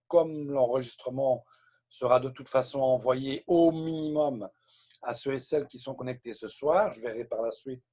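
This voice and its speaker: A Belgian man about to turn sixty, hosting a live webinar as a sales trainer and talking off the cuff with many pauses and hesitations. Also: mid-range voice, darkish tone, husky. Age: 50s. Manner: unscripted and rambling, with frequent hesitations. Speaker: webinar host and network marketing trainer.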